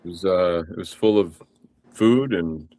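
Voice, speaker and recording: Laid-back low-voiced man chatting. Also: a little slow, mellow, no room sound. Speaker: podcast guest. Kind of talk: casual chat.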